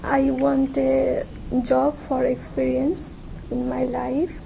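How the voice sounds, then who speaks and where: A young woman with a high, flat, gravelly voice speaks slowly in simple English. Her answers are short and hesitant, as in classroom practice. The recording is noisy. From Bangladesh. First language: Bengali. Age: 20s. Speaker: English language student.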